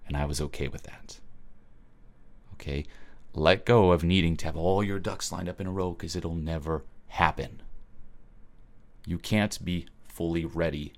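A man's voice: sits low, steady tone, measured pace, long pauses. A man from Switzerland giving a blunt, emphatic motivational webinar talk, swearing freely and often checking in with "okay?".

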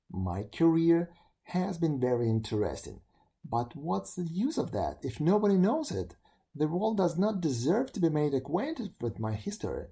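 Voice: medium pitch, warm tone, natural voice. A reader voicing a proud, complaining male dung beetle in a storybook reading. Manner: indignant, complaining.

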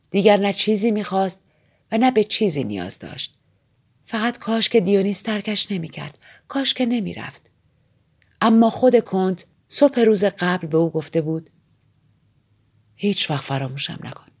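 Breathy woman narrating an audiobook. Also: medium pitch, darkish tone.

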